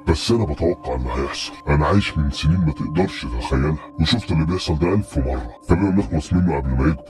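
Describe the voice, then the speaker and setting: A man's voice: very deep voice, racing, voice pushed down. A man voicing an ancient, cold and menacing male jinn in Egyptian Arabic, speaking with a threatening edge. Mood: insistent.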